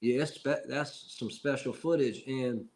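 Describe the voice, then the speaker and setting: A man's voice: medium pitch, measured pace, a little mellow, slight background noise, poor audio. A man in his forties from Seattle, a rapper telling long rambling stories in casual chat, often adding "you know what I'm saying". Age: 40s. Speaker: rapper guest. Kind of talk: casual storytelling.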